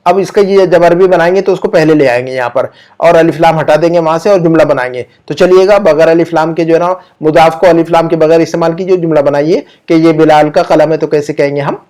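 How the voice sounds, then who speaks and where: This is a man with an Urdu-speaking accent giving an online grammar lesson. He explains things patiently, goes over example sentences slowly a second time, and puts questions to his learners, speaking at a fairly high pitch with a darkish tone.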